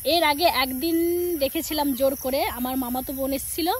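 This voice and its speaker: Village woman vlogging on her phone walking home, high voice, sore throat and cough, chatty, faint crickets around. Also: moderate pace, a little hiss or hum. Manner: chatty, speaks straight to viewers and acts out family dialogue. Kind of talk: casual chat to viewers while walking.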